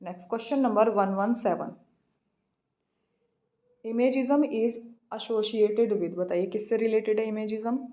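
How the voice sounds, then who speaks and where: A woman teaching an English exam practice lesson, reading out questions slowly and explaining answers in a mix of Hindi and English. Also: a little high, dark tone.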